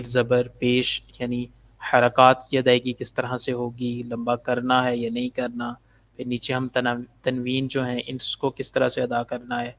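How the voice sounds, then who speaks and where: A man teaching a Quran reading lesson, slowly spelling letters and vowel marks, then explaining pronunciation rules quickly. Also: medium pitch, fairly bright tone.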